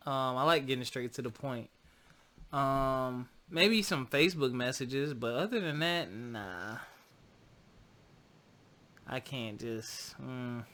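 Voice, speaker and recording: A man's voice: mid-range voice, takes it slowly, pauses often, bright, forceful tone. A man hosting a podcast in casual chat, laid-back and slangy with a teasing streak. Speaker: podcast host.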